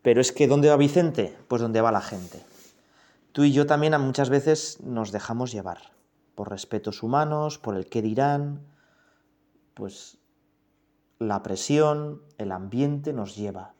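A man's voice: mid-range voice, a little slow, a little mellow. A man leading a prayer meditation, reading scripture and speaking directly and reflectively to the listener.

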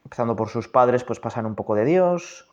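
A man's voice: medium pitch, expressive, normal speed, highs cut off. A man with a Spain Spanish accent leading a guided prayer meditation, reflective and speaking directly to the listener. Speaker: prayer leader.

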